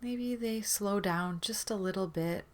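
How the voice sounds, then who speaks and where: A soothing, gentle woman's voice of medium pitch leads a meditation session, with lengthy pauses separating each phrase.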